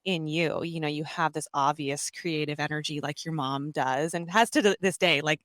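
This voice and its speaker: A woman's voice: low voice, normal speed, no echo. Chatty woman co-host, dry close sound. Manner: chatty, animated, many "like" fillers. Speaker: podcast co-host. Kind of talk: casual conversational interview.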